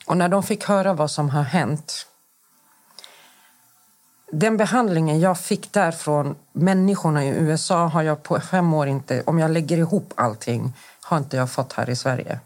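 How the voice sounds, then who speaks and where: A woman's voice: sits low, darkish tone. A woman in her forties from Sweden, a podcast guest giving a personal account in conversation. She recounts events in detail, acts out the dialogue she quotes, and often breaks off and restarts her sentences.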